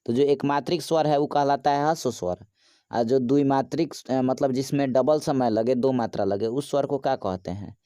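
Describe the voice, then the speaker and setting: A man's voice: mid-range voice, normal speed, mellow, no room sound, clean studio sound. Casual man teaching a quiz. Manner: casual, chatty, asks viewers for likes. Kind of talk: quiz lesson.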